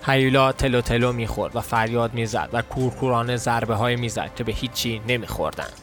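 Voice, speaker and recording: A man, the host, reading a fantasy tale aloud in a steady, measured storytelling voice. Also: medium pitch, soft background music. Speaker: podcast host and narrator. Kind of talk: storytelling narration.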